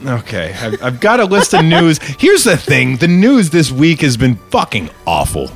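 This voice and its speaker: A man's voice: on the high side, huge pitch swings, normal speed, husky, soft background music. A man co-hosting a podcast, chatting casually and joking as he reads out weird news, often trailing off mid-sentence. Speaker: podcast co-host reading news. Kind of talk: casual chat.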